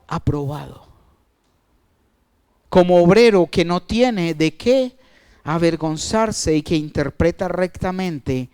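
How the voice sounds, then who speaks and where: A male pastor preaching a sermon, asking the congregation questions, stretching out key words and letting his phrases fall away quietly. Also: clean tone. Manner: asks the congregation questions and answers them; wide swings of pitch and loudness, trailing off at phrase ends.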